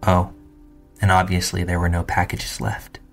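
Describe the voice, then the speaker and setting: A man reading first-person true stories aloud in calm, measured scripted narration. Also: low voice, vocal fry, faint music behind.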